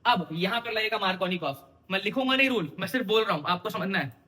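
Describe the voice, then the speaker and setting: A young man lectures on chemistry for exam prep, firing questions at his students and answering them himself. His voice sits high and sounds bright and sharp, with a teasing, informal edge. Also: expressive, brisk. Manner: quizzing, repeating questions to students. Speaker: chemistry teacher.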